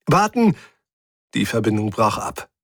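Casting: male narrator for a sci-fi audio story, husky, wry first-person delivery, dry close sound. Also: fairly low pitch, animated, normal speed, no echo. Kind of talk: scripted audio drama narration.

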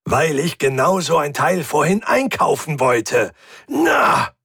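A man voicing a hot-tempered furry male engineer who growls and shouts in a higher, strained voice. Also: animated, moderate pace, breathy edge. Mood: gruff, harried.

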